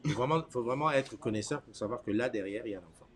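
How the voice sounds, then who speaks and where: A man with a medium-pitched voice hosts a casual live morning chat. He talks informally and teasingly, often saying a phrase several times over. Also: quick pace. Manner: informal, teasing, repeats himself. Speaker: live morning show host.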